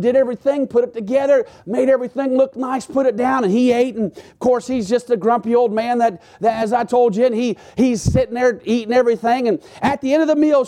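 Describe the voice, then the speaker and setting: A man as pastor, preaching a sermon with frequent halting restarts and repeated words. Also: very high voice, darkish tone.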